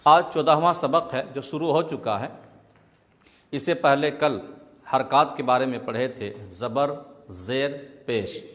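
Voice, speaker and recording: A man's voice: mid-range voice, a little slow. A man teaching Quran reading to a class, drilling sounds patiently with call-and-response. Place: classroom with students. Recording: echoey room with loud background noise.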